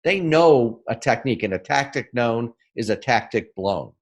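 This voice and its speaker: Explaining sales technique as a podcast interview guest, a man from the northern US talks in a mid-range voice. He sounds energetic and forceful, frequently checks in with "right?", and quickens or slows his speech to underline points.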